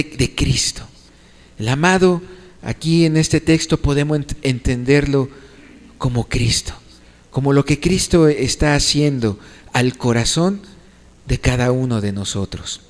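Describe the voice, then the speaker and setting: A man preaching a sermon, explaining scripture with many fillers and restarts, then rising into pleading appeals. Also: on the high side. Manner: rises sharply to pleading appeals. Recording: reverberant church hall.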